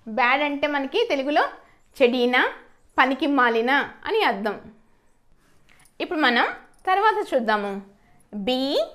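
A woman teaching English spellings step by step, spelling out letters and then saying each word loudly and drawn out, asking questions and answering them herself. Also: high voice, expressive, moderate pace, pauses often. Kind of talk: slow step-by-step spelling lesson.

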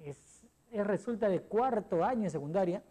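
A man's voice: high voice, lively intonation, normal speed, warm tone. A middle-aged man with a Peruvian accent, a sports columnist telling rambling stories as a guest in a casual interview, full of fillers and restarts. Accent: Peruvian Spanish. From Peru.

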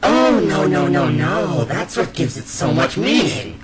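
A man voicing a deranged, bloodthirsty villain in a fan-dubbed game cutscene, theatrical and taunting, swinging between slow drawl and manic shouts. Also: medium pitch, big pitch swings. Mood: gloating. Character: deranged, bloodthirsty male villain who relishes fighting. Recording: loud game music behind the voice.

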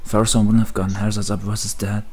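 A man's voice: fairly low pitch, little pitch movement, fast, a little mellow. A man hosting, chatting casually with friends on a call while watching a competitive match.

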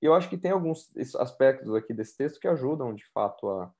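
A man reading exam questions aloud in a measured way and commenting on them. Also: mid-range voice, animated, warm tone. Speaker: exam prep instructor.

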